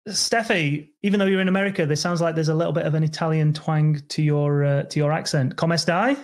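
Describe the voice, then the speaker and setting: A man's voice: fairly high pitch, fairly even intonation, fairly quick. A man hosting an online show, interviewing guests with jokey, upbeat questions. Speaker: host.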